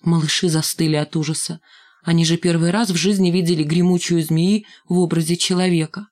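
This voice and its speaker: A woman narrating a first-person story in a measured, expressive reading. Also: lowish voice. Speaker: audiobook narrator.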